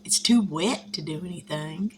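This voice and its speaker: A woman's voice: low voice, moderate pace, darkish tone, slight background noise. A woman, chatting casually at home as host of her savings channel, folksy and friendly with her viewers. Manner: chatty, folksy, says y'all. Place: at home, indoors.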